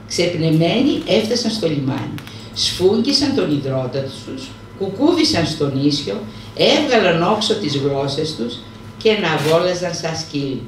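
Woman reading a novel aloud, lively. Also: fairly low pitch. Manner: lively expressive reading, slowing on hard words. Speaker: reader at a book club. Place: room at a hybrid reading-club meeting. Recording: roomy sound from far off with faint noise.

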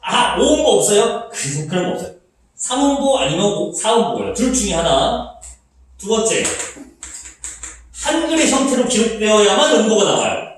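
A young male teacher gives a lively, chatty lecture, often asking a question and answering it himself. His voice sits a little high and swings widely in pitch. The sound is very echoey and comes from some distance from the mic. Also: moderate pace, long pauses, slight background noise. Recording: echoey room, mic far off.

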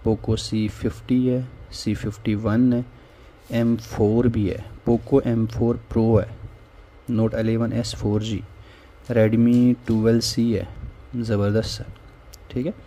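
Slow and level, a man's mellow voice sits on the low side as he narrates a screen recording. As a phone repair tutorial host, he casually walks viewers through a repair tool, saying "theek hai" between steps.

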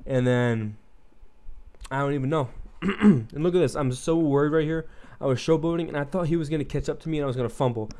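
A young man talks through his match in a loose, rambling way, swearing freely and trailing off with likes and ums. His voice sits low and mellow with a smooth, clean tone, a little froggy in the throat. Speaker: gaming commentator. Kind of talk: casual gameplay commentary.

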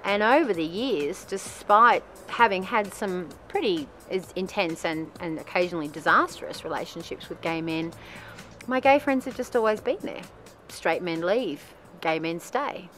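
Candid woman narrating, lowish voice. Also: a little slow, fairly bright tone, faint music behind. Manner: chatty, self-deprecating, laughs between phrases. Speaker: documentary filmmaker and narrator.

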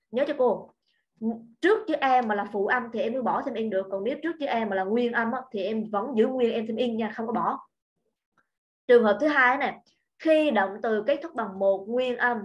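A female English teacher runs an online grammar class, explaining patiently and checking in with the students again and again. Her voice sits somewhat high. The sound is dull and lo-fi, as from a computer mic. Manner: patient, repeats points and checks understanding.

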